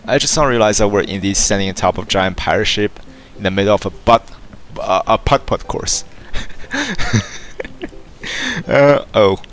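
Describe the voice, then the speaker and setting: Low-voiced man reading a game aloud. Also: animated, unhurried, fairly bright tone, a little hiss or hum. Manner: reads game text aloud with stumbles and laughs. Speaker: let's play gamer. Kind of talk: casual reading of a dating game.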